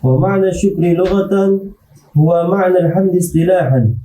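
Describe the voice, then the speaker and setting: Student reading text aloud, echoey room. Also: male voice, high voice, brisk, dark tone. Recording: distant and echoey.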